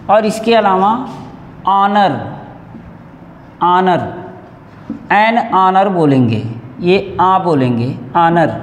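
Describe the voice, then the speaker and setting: Male grammar teacher, unhurried delivery, repeats words, roomy echo. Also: high-pitched, slight background noise. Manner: drawn-out repetition of example words; corrects himself mid-explanation. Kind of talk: classroom grammar lesson. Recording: echoey room with long reverb.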